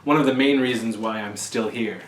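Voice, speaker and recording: A man in his forties hosting a casual video chat in a jokey, halting manner. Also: medium pitch, slight background noise. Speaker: video host. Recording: echoey room.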